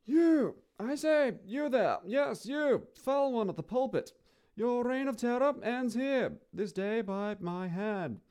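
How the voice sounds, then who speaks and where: A man's voice: animated, slow pace, a little mellow, clean tone, exaggerated voice. A man voicing a pompous bearded holy warrior, declaiming in a raised, theatrical voice. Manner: booming, pompous proclamations.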